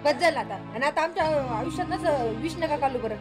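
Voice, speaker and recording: A woman's voice: high-pitched, lively intonation, fast talker, loud music behind the voice. A woman playing a scornful daughter-in-law, cutting and dismissive. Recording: echoey and far from the mic.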